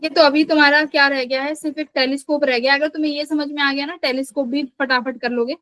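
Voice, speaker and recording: A woman's voice: high voice, steady tone, quick pace, a bit bright, no echo, poor audio. A young adult woman teaching physics in a live online class, explaining patiently and often checking that the students follow.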